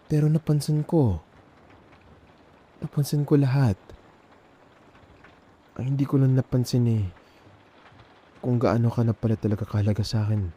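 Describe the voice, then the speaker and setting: A young man with a Filipino accent and a warm, medium-pitched voice plays an emotional best friend in an intimate ASMR roleplay. He talks colloquially and haltingly, leaving pauses.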